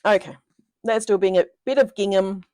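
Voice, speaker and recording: Working through a card project on a live stream, this craft demonstrator talks casually and muses aloud, sounding slightly stuffy with a cold. Her mid-range voice is brisk with a darkish tone, and there's no echo.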